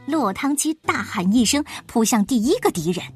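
Brief: animated woman reading a kids' story, a little husky, music faintly underneath. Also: on the high side, normal speed. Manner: expressive, lively storytelling. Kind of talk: children's storybook narration.

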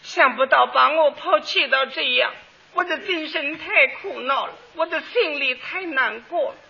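A man mimicking an overwrought woman stage actress who laments in a high, shrill, drawn-out voice. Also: vocal fry. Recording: dull old recording with faint hiss.

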